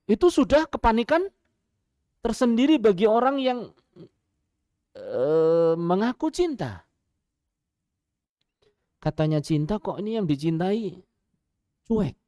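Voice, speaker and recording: Javanese-accented male preacher, lively delivery. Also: high-pitched, slow, long pauses, dry recording, studio quality. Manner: animated, lively storytelling with rhetorical questions and chuckles. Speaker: Islamic preacher. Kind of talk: radio sermon lecture.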